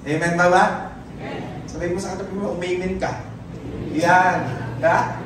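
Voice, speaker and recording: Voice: mid-range voice, little pitch movement, moderate pace, background noise. A preacher with a Filipino accent giving a sermon, often turning to the congregation for an amen. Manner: keeps asking the congregation for an amen. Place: church hall. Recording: very echoey room, speaker far from mic.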